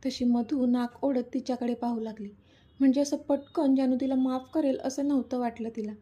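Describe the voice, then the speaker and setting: High-voiced woman narrating a romance story. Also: fairly even intonation, moderate pace, warm tone, breathy edge, lo-fi sound.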